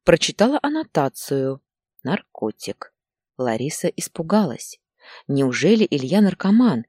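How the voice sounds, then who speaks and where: A woman narrating an audiobook story in an expressive storytelling manner. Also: low-pitched, a little slow, slightly rough, no room sound, studio quality. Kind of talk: scripted narration.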